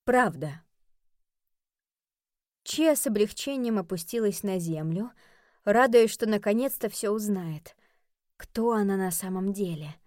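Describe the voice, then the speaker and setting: Female audiobook narrator, mid pitch, dry close studio sound. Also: animated, unhurried, pauses often, a little mellow, dry recording.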